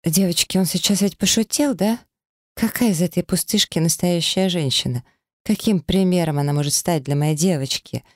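A reader voicing a spoiled, panicky young trophy wife who squeals and whines, in an audiobook. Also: female voice, fairly low pitch, normal speed, darkish tone, no room sound, clean studio sound, pitched above the performer's own voice, close to an everyday voice. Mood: shrill panic. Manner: squealing, whiny. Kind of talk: audiobook character voice.

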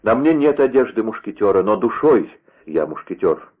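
A man reading a proud, hot-blooded young swordsman in a lowered, earnest voice, on a tinny radio-like line. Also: sing-song, normal speed, slightly rough. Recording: tinny phone-like radio sound.

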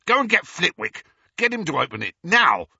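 Shrieking brute of a dark wizard, as a man puts him on. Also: fairly high pitch, big pitch swings, normal speed, husky, dry recording, pitched above the performer's own voice, exaggerated voice. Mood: furious. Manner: shrieking, bellowing, coarse. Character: uncouth brutish male dark wizard, coarse and bullying. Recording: slightly dull, dry recording.

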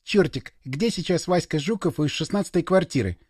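A man voicing a calm, serious ten-year-old girl who leads a séance game. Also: fairly high pitch, normal speed, husky, no room sound, clean studio sound.

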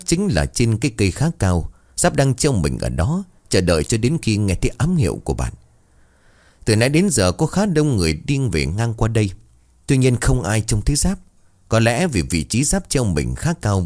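A man narrating a ghost story in a dramatic, expressive way. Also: on the low side.

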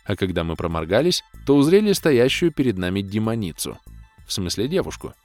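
Low, animated male audiobook narrator. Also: fairly quick, dry recording, faint music behind. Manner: wry, ironic first-person storytelling. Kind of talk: expressive fantasy audiobook narration.

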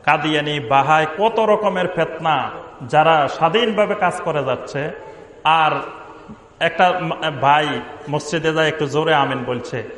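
A male preacher with a notably high voice answers a congregation's question in sermon form. He hammers his point with one rhetorical question after another. His voice rings out across a large, echoing hall with a long reverb tail. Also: measured pace, long pauses, a bit bright, slight background noise. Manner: argues through repeated rhetorical questions. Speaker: imam and Islamic preacher.

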